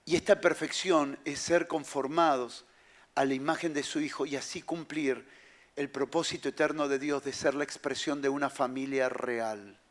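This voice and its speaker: A man's voice: mid-range voice, steady tone, moderate pace. A man preaching a sermon as pastor, emphatic and repeating his key phrases.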